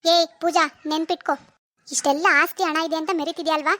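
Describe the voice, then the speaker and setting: A woman voicing a proud young woman who answers her sister's taunts with indignant vows in an animated cartoon. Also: sits high, fast, no echo, studio quality. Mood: defiant. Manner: indignant, sharp, defiant.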